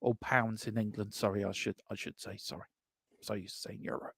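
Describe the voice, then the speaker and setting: A man's voice: on the low side, little pitch movement, a little fast, creaky, a bit bright, breathy edge, no echo. Guy rambling on a live stream, lots of ums, dead dry sound. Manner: rambling, full of fillers and restarts. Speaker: stream co-host. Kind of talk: casual live watchalong chat.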